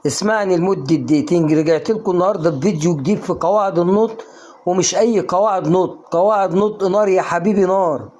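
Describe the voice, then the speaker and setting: A young man with an Egyptian Arabic accent, teaching English pronunciation online in an energetic, coaxing way that asks and answers its own questions. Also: high-pitched, fast. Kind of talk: online lesson to viewers.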